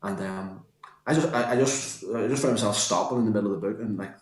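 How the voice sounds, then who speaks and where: A Northern Irish man hosts a relaxed podcast chat in a roomy, echoey space. His voice sits low. He muses aloud and circles back on his own phrases. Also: fast talker. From Northern Ireland. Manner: chatty, musing, repeats himself. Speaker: podcast host. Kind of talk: casual podcast conversation.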